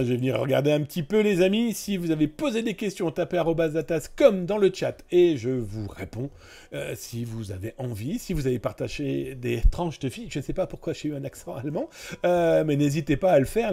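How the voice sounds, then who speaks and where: A man's voice: on the high side, gravelly, dark tone. A man hosting a live-stream cybersecurity news show, chatting casually and talking straight to his viewers. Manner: chatty, addresses viewers directly, many fillers and asides.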